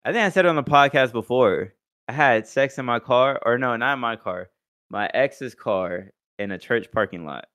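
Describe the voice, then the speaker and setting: A man's voice: mid-range voice, moderate pace, fairly bright tone. A young American man chatting and telling stories on a podcast in casual, profane slang. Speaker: podcast co-host. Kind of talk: casual storytelling chat.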